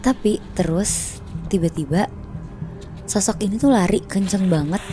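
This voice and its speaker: A woman's voice: medium pitch, measured pace, warm tone, soft background music. Chatty woman telling horror stories. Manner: chatty, slangy, vivid sound effects. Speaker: podcast storyteller. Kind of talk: casual horror storytelling.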